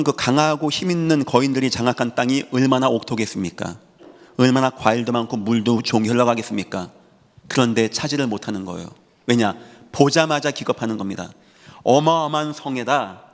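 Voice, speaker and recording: A male pastor delivering a sermon, preaching emphatically and swinging between loud high bursts and quiet low lines. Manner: emphatic preaching with sudden rises and drops in pitch and volume. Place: church sanctuary. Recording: long hall reverb in a church sanctuary.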